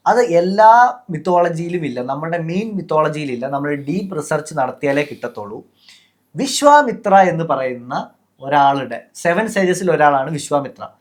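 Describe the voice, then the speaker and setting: A man with a Malayali accent hosting a podcast, explaining things casually with many fillers and English words mixed in. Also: on the high side. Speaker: podcast host.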